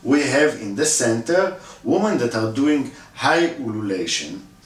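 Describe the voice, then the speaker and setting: A man explaining a vocal score step by step, pausing often with fillers and acting out the sounds himself. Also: mid-range voice, big pitch swings. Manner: demonstrates sounds with his own voice, many fillers. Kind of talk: instructional walkthrough. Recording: echoey room, voice from far off.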